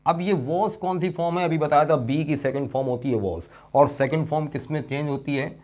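A middle-aged man teaching an English grammar lesson, explaining step by step and quizzing his students, stressing key words slowly. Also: a little high, darkish tone. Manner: slow and emphatic over key words.

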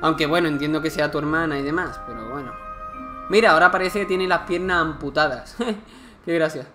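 Guy commenting on a game, chatty and jokey, game music loud behind him. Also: a little high, a little fast. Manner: chatty, joking, exclaims at the game. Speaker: gameplay commentator. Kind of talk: casual let's-play commentary.

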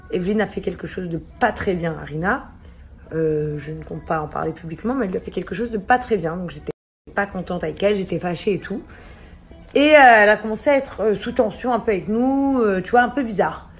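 Chatty young woman telling a story. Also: medium pitch. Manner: chatty, many hesitations, animated retelling with quoted dialogue. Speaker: mother of the family, vlog host. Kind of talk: casual storytelling to camera.

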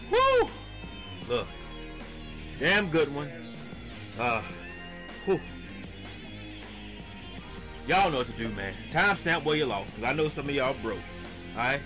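Reaction host, slangy and animated, with music behind. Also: male voice, medium pitch. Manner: hypes up the audience with slangy asides. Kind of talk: casual reaction commentary.

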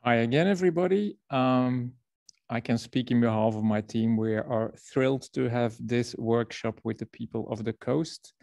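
A man from Belgium presents to a workshop over a video call, with a gravelly, dark voice. He explains and tells a story at length, repeating words now and then. The sound is dry and close. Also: medium pitch, normal speed, dry recording.

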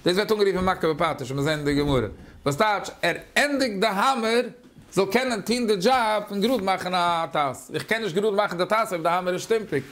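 A man with a Yiddish accent teaching a Talmud class, talking haltingly, repeating words and using many fillers. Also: sits high, fairly bright tone.

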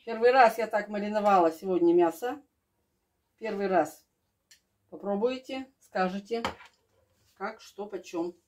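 A woman's voice: medium pitch, a little slow, pauses often, a little hiss or hum. An older woman hosting a home vlog in her kitchen, chatting casually and fondly with her guests. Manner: warm fussy hostess, affectionate diminutives. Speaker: vlog host, grandmother.

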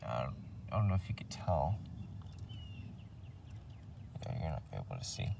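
Here a vlogger demonstrates a truck's CB radio rig, moving around the parked truck as he goes. His very deep, creaky voice has a sing-song lilt at a moderate pace, and he rambles, hesitates and often repeats phrases. The handheld audio is noisy, with vehicle sounds in the background.

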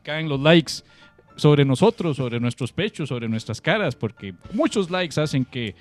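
A man's voice: fairly high pitch, animated, unhurried, soft background music. A Costa Rican man in his late thirties, co-hosting a comedy podcast in a playful, jokey way and laughing easily. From Costa Rica. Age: 30s. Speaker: podcast co-host. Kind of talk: comedic casual chat.

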